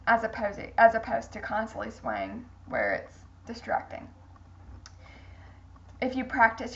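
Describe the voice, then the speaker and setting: A woman's voice: fairly high pitch, creaky. A woman teaching a public speaking class in an earnest, repetitive lecture style with frequent ums. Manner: earnest, repeats key points, frequent ums. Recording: dull lo-fi recording.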